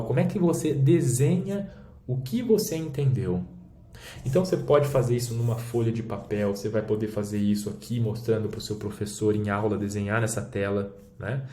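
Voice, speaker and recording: Speaking with a Brazilian Portuguese accent, a man gives a language lesson while demoing an app on a shared screen, explaining casually and checking in often. His voice sits on the low side and sounds mellow. The recording has a roomy echo and faint background noise.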